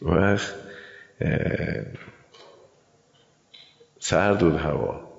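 An older man from Iran gives a relaxed, storytelling sermon, slipping into the voices of the characters in his tales. His voice sits very low, with a rough, gravelly edge. It comes through a dull, lo-fi recording that rings with long hall reverb. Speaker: preacher.

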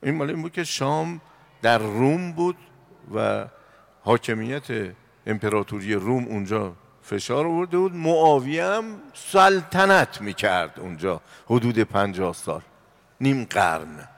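Male preacher, gravelly voice, mid pitch; shifts between loud exhortation and low murmurs. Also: sing-song. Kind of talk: sermon.

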